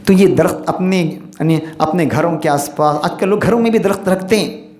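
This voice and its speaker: A man's voice: high-pitched, a little mellow. A man, an imam, giving a Friday sermon with earnest exhortation and recited Arabic verses. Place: mosque. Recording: echoey mosque hall.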